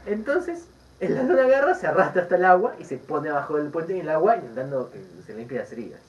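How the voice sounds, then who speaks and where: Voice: medium pitch, fast. A Buddhist teacher with a Rioplatense Spanish accent, giving a Dharma teaching full of stories and asides. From Argentina. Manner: lively storytelling with asides and laughter. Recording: distant dull recording with faint background noise.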